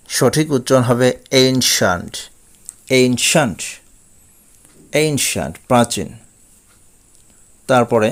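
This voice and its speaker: A man with a Bengali accent teaching English pronunciation, saying each word several times and then giving its meaning. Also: fairly low pitch. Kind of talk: slow, repetitive pronunciation lesson.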